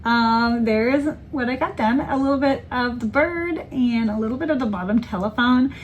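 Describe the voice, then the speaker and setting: A woman's voice: on the high side, normal speed, muffled recording, slight background noise. A woman in casual chat as a crafting vlogger, rambling and correcting herself with many ums. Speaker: cross-stitch vlogger.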